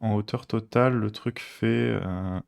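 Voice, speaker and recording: A man's voice: lowish voice, fairly even intonation, measured pace, gravelly, a little mellow, clear, resonant tone. A man, streaming a coding session and chatting casually, thinking aloud with many fillers and restarts. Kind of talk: casual live coding chat.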